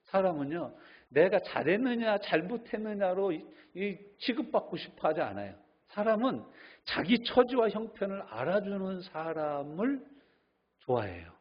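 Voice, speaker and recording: A man's voice: sits high, big pitch swings, moderate pace, slightly rough, dull audio. A middle-aged male pastor preaching a sermon, telling stories and acting out the voices of the people he quotes.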